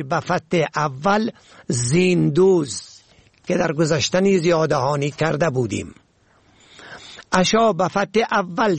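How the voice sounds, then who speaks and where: A man presenting a language program, reading a scripted lesson and listing words with their pronunciations in a measured way. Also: high-pitched, vocal fry, slightly rough, no room sound.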